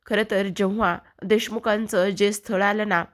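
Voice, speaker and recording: A woman's voice: medium pitch, steady tone, moderate pace, lightly acted. A woman voicing a regretful father. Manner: earnest, regretful. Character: regretful father of two daughters.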